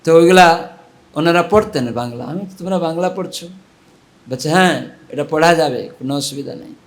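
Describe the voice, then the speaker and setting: A monk preaches to a village gathering, telling stories and rising into exhortation and chant. His voice sits a little higher than most men's and stays animated. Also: moderate pace. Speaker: monk giving a religious class. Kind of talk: storytelling sermon with chanting.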